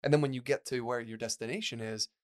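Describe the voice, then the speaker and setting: A man's voice: mid-range voice, fairly even intonation, fast talker. A man co-hosting a podcast, his voice sitting in a plain middle register. He talks in a loose, rambling way, circling back with fillers and restarts as he works through his thoughts. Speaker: podcast co-host. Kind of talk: casual podcast chat.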